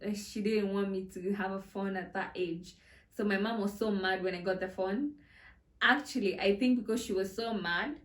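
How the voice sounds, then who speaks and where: A woman, telling stories in a casual storytime vlog, chatty and giggly with many fillers. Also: medium pitch. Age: 20s. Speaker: content creator. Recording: roomy echo, a bit far from the mic.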